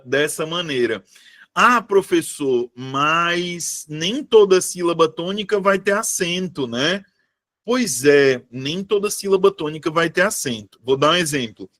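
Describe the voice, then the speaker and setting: Chatty male teacher, high voice. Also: fairly bright tone. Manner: chatty, checks in often with the viewers. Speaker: online exam-prep teacher. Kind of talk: live online class.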